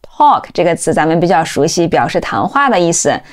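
A woman teaching English vocabulary, who explains step by step and says each word slowly several times over. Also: lowish voice, sing-song. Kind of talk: vocabulary lesson.

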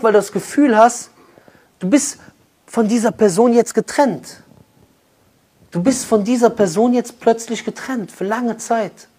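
A man preaching a sermon with a high-pitched voice, passionate throughout. He swings from loud, urging appeals to soft, hushed lines. He speaks straight to his listeners as brother and sister.

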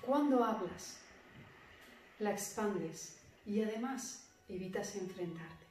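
Meditation teacher, woman, calm and deliberate, voice distant in a very echoey room. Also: mid-range voice, slight background noise. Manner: calm, measured, speaks with slow emphatic pauses. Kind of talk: guided meditation talk. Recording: very echoey room, voice far from mic.

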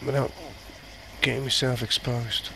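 A man's voice: medium pitch, little pitch movement, a little slow, creaky. A man playing an online game, giving terse tactical callouts over voice chat and swearing now and then. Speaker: game player. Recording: game noise behind voice chat.

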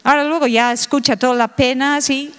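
A woman's voice: sits high, fairly even intonation, a little fast, a bit bright, slight background noise. A middle-aged woman giving a public lecture, asking her audience many rhetorical questions. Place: lecture hall in Madrid. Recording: reverberant hall recording.

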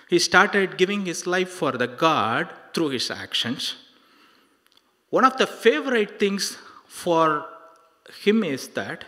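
A middle-aged man preaching a story to young people, haltingly, with repetitions and rhetorical questions, into a handheld microphone. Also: a little high, bright, forceful tone. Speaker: preacher at a youth service. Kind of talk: sermon telling a life story. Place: large indoor hall on a stage. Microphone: handheld microphone held close. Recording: hall reverb on handheld microphone.

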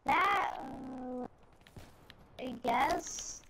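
A male host of a gaming video giving casual, rambling, excitable commentary while playing, his voice coming through with a robotic, glitchy distortion. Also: very high voice, extremely slow, gravelly. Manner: rambling, excitable, filler-heavy. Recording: loud game noise behind voice.

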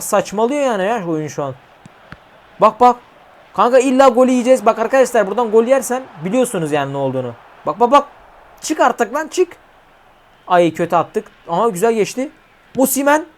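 A young man commentating his own mobile football match for viewers, chatty and slangy, often swearing and shouting at the game. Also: sits high. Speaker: gaming YouTuber.

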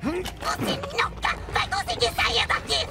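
A woman voicing a creepy, taunting female doll in a horror game, shrill and singsong. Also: wildly swooping pitch, slow pace, pushed and bright, faint music behind, full character voice. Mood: shrieking.

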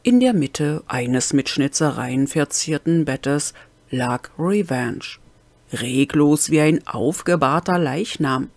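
Slow, deliberate woman audiobook reader. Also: deep voice, a little mellow, no room sound. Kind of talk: fan-made audiobook narration.

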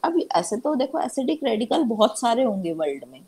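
A woman's voice: a little high, big pitch swings, fairly quick, warm tone, husky, low-quality recording. A woman chemistry lecturer, teaching a class and repeatedly asking questions that she answers herself. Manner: asks rhetorical questions and answers them herself.

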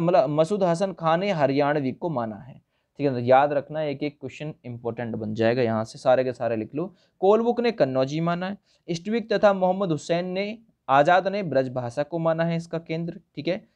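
Guy teaching exam prep, keeps asking questions and repeating stuff, kinda high voice, dull lo-fi sound. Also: a little mellow. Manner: drills points with repeated questions and reminders.

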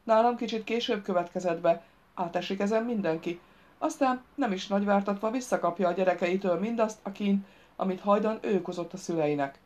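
A woman voicing a patient, wry woman of thirty in an audiobook, calm and explaining. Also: mid-range voice, natural voice.

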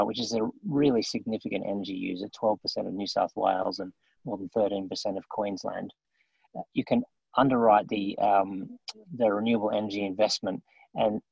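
A man presenting remotely over a video call whose degrading stream drops out, speaking in a halting way with many restarts. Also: on the low side, vocal fry, breathy edge, dry recording, muffled recording. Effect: degrading stream audio that drops out. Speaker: remote presenter at an investor briefing. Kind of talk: formal briefing talk.

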